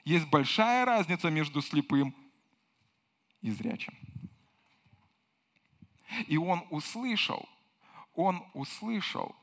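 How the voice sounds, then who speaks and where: A man delivers a passionate sermon in a high, ringing voice. He drops to near whispers, then builds back up to loud exclamations. He repeats his phrases again and again for emphasis. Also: big pitch swings, takes it slowly, long pauses. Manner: impassioned preaching, swinging from low murmurs to loud cries. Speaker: pastor.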